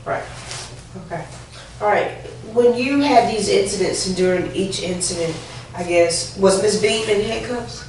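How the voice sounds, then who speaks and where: A woman's voice: mid-range voice, measured pace, a little mellow. A woman questioning a witness at a formal hearing, probing and repeating questions to confirm answers. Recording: echoey room, distant mic, faint noise.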